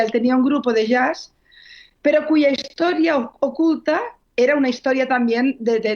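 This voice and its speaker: A woman's voice: on the high side, lo-fi sound. A woman novelist, answering interview questions and telling stories earnestly, often correcting herself mid-sentence. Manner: fluent, earnest, with frequent self-corrections. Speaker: novelist guest.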